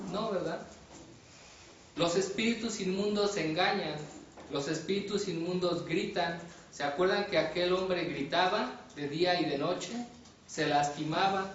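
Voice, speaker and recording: A man with a fairly high voice preaches a sermon, putting rhetorical questions to his listeners and restarting words as he builds his points. He sounds distant from the mic in a very echoey room, with dull sound and faint ambience behind him. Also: slight background noise.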